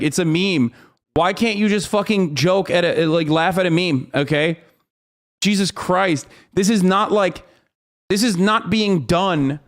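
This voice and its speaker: A man in his thirties ranting with exasperation as he reacts to a clip on a livestream, swearing often and slipping into mocking outrage. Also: high-pitched. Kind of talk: casual livestream reaction commentary.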